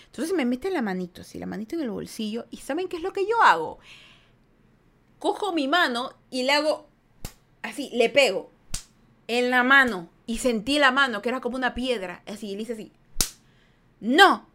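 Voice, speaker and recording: A woman with a Guayaquil Ecuadorian Spanish accent hosts a storytelling podcast. Her voice sits high, and she tells the tale in an animated way, acting out her own shouts. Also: fairly quick. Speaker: podcast host.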